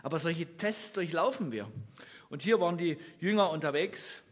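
A man from East Germany preaching a lively sermon, acting out Bible scenes and putting questions to his listeners. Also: a little high, moderate pace. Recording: long hall reverb.

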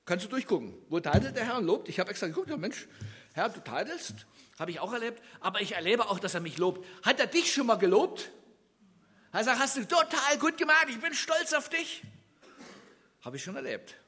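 Man, preacher from east germany, high husky voice, animated sermon, acts out scenes, church hall reverb. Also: fairly quick. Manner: animated, acts out Bible scenes and asks listeners questions. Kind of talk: lively sermon.

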